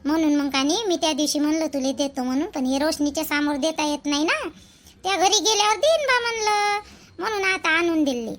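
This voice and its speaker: A woman's voice: high voice, lively intonation, fairly quick, noisy background. A woman playing a chatty, gossiping mother figure with a teasing manner and a Vidarbha Marathi dialect. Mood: gossipy.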